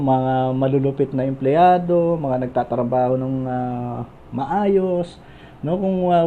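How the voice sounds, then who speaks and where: A man preaching a conversational sermon, often pausing with fillers and checking in with his listeners. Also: medium pitch, dark tone. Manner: conversational, frequent "no?" and filler pauses.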